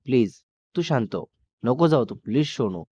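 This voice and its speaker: A man doing a frightened young woman from a spoken romance story, her voice pitched up and softly pleading, begging again and again. The recording is dry and slightly dull, with no room sound around it. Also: animated, moderate pace, breathy edge, no room sound. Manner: pleading, repeats "please". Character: anxious clingy young woman in love.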